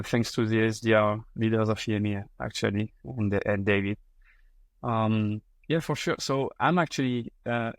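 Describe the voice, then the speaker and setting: Speaking with a French accent in a fairly low-pitched voice, a man in his thirties from France is interviewed on a podcast, with no room sound. He comes across as hesitant, leaning on fillers and frequent restarts.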